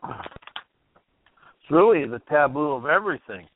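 Slow but animated, a fairly high-voiced man hosts a motivational call-in radio show, drifting in his talk and asking the listener things as his voice wears out. Slight background noise sits under the tinny, phone-like line.

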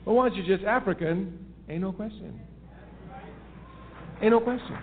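On a tinny phone line with faint hiss, a man with a high, slightly slow voice calls into a radio show to deliver an impassioned political talk. He's emphatic, repeating his key phrases for force.

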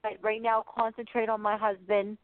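A woman's voice: medium pitch, little pitch movement, normal speed, very noisy. A middle-aged woman calling in to a radio show over the phone, talking directly and urgently with some stumbles and restarts. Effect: phone-line caller voice. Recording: tinny dry phone line.

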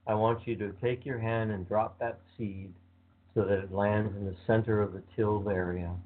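Calm man guiding a meditation, tinny sound. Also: fairly low pitch. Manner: slow, calm, soothing instructions. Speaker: meditation guide. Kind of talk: guided visualization meditation.

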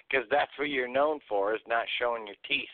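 A man's voice: mid-range voice, dry recording. A man co-hosting a podcast, ranting bluntly and swearing a lot in casual chat. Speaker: podcast co-host. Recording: tinny phone-like line, dry.

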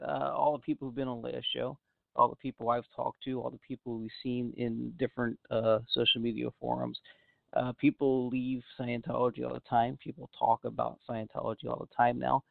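A man's voice: medium pitch, level tone, brisk, creaky, dry recording. A man hosting a podcast, talking in a casual, rambling way. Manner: rambling, full of uh fillers and restarts. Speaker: podcast host. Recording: narrow phone-like sound, dry.

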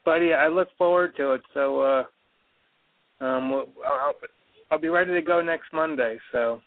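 A caller's voice comes through a radio broadcast on a tinny phone line. He is a man with a gravelly, fairly high voice. He speaks in short, easygoing replies. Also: normal speed, dry recording. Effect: heard over a radio broadcast via phone line. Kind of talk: casual phone-in chat.

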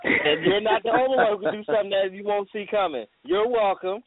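A man's voice: sits high, a little fast. A man co-hosting a podcast in casual chat, blunt and joking, talking emphatically. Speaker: podcast co-host. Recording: tinny phone-like line.

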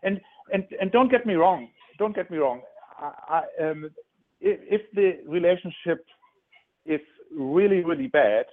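This man, in his sixties and German-accented, is a relationship expert explaining his ideas in an interview. His high, expressive voice is unhurried and earnest, though he often restarts his words. The sound is narrow and phone-like.

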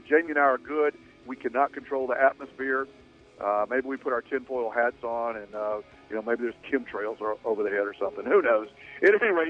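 A man hosting sports talk radio, talking in an opinionated, conversational way, heard through a fuzzy, distorted radio signal. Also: mid-range voice. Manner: opinionated, conversational, rhetorical questions. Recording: tinny distorted AM radio broadcast, dry.

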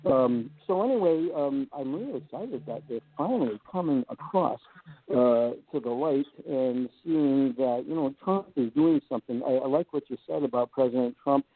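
A man's voice: medium pitch, normal speed. Man on a phone line that keeps cutting out. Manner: eager, rambling, with many fillers. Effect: phone line breaking up, cutting out. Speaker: doctor guest on a call-in show. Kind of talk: casual call-in chat. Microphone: phone call. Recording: tinny, dry phone line.

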